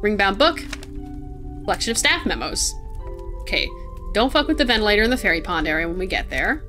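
A woman's voice: medium pitch, animated, brisk, bright, forceful tone, soft background music. A woman streaming a video game, reading in-game notes aloud and chatting with her viewers. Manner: reads in-game notes aloud, chats with chat. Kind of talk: let's play commentary.

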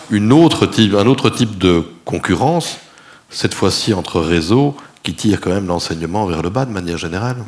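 Deep-voiced hesitant panel moderator, a man. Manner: hesitant, with many fillers.

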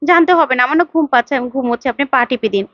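A woman reads out a scheming young wife who coaxes and wheedles to get her way. The voice is high-pitched, dry and slightly dull. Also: rapid-fire, no echo, lightly acted. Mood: wheedling. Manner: wheedling, coaxing.

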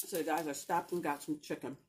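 A middle-aged woman chats casually to her viewers while eating crunchy fried chicken, pausing between bites. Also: low-pitched, fairly even intonation, darkish tone. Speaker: mukbang video host. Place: living room at home, indoors. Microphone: camera on a stand at table distance.

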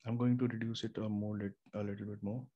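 Speaking fast and flatly in a lowish voice, a young Indian-accented man hosts a casual home studio tutorial via screen share, laying out recording steps with many fillers and restarts. The sound is lo-fi despite a studio microphone through an audio interface. He's in a small home room near an air conditioner and fridge, with faint room hum.

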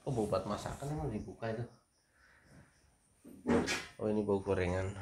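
A man's voice: lowish voice, moderate pace, warm tone, slight background noise. A man filming a casual family vlog, teasing his crying daughter in a playful way and laughing often at home.

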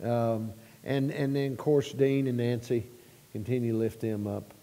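A man leading a church prayer at a pulpit microphone, halting with repeated words and swelling louder as he prays. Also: medium pitch, steady tone. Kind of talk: spoken church prayer and announcements. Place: church sanctuary. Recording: long reverb of a church sanctuary.

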